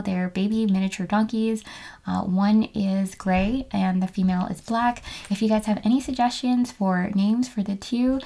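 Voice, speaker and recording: This woman, a planner video host, has a medium-pitched, dark-toned voice with vocal fry. She talks casually to herself as she crafts indoors at home, describing what she's doing and frequently drifting off into murmurs.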